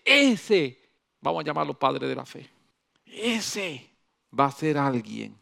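High-voiced animated male preacher. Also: vocal fry. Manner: animated, swinging between loud emphasis and soft asides. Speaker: pastor. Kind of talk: sermon.

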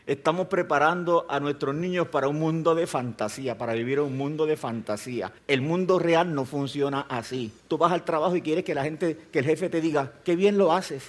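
A grandfatherly pastor with a notably high-pitched voice delivers a sermon. He talks to the congregation like a conversation, pressing his points with rhetorical questions and plain emphasis. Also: fairly quick, few pauses. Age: older.

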